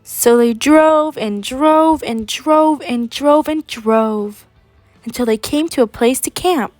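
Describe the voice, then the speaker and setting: A teenage girl in her last year of high school reads a children's picture book aloud with lively expression, acting out the characters. Her voice is high and slow, with no echo and soft music in the background.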